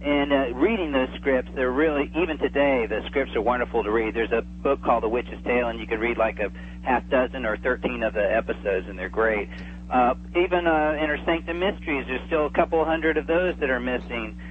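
This guest on a radio interview has a medium-pitched voice and a brisk delivery, chatting casually and keenly from a remote location by telephone. A thin, humming phone line carries the sound.

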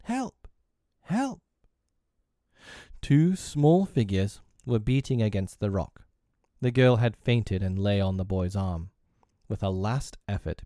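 Low, mellow man reading a storybook. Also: dry recording, clean studio sound. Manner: gentle, measured reading. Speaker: narrator. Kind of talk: storybook narration.

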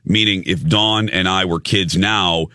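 A man with a low voice hosts a casual chat in a playful, rambling way. The sound is dry and close. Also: measured pace, sharp tone, clean tone, no room sound. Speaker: talk show host. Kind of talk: casual banter.

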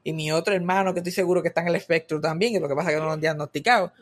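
A man's voice: a little high, racing. A man with a Puerto Rican accent telling comic stories in a casual chat, slipping English words into his talk. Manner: animated comic storytelling, mixing in English words.

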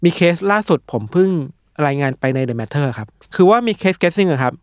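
A man co-hosts a casual talk show, with a slightly high voice recorded dry and close. He explains at length in an animated way. He laughs often. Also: fairly quick, no echo. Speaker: podcast co-host. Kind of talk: casual chat.

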